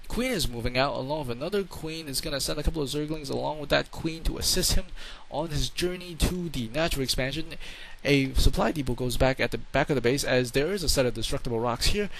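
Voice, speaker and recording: A man's voice: fairly high pitch, a little fast, gravelly, hardly any pauses, a crowd in the background, rough recording. A man giving casual, rambling play-by-play commentary on a strategy game into a home microphone, often repeating words for emphasis.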